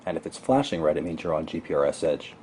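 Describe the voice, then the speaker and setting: Speaking fast and animatedly, a man with a low, darkish voice presents a gadget with a reviewer's casual, matter-of-fact explanations. Clear noise sits in the background.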